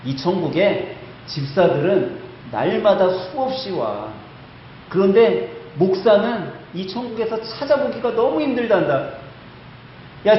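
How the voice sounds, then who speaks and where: God as a chummy fatherly old guy, a preacher doing the voice, high-ish man voice, big echoey hall. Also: slight background noise. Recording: echoey church hall, slightly dull sound.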